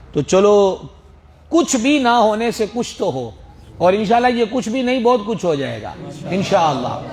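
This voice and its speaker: Male religious teacher, high voice; slow chanted letter drills, teasing asides. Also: a little mellow. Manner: friendly teasing asides to students. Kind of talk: Quran recitation lesson.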